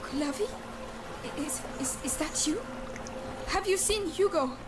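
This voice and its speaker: A woman's voice: sits high, lively intonation, a little slow, a crowd in the background. An actress playing an anxious but determined teenage girl, a protective big sister in a video game.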